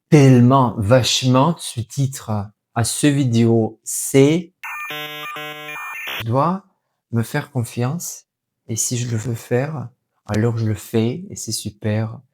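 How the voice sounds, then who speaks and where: A young man with a Russian accent, talking casually to his vlog in halting non-native French, searching for words and correcting himself. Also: mid-range voice, a little mellow. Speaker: vlogger and language learner. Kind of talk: casual unscripted vlog talk.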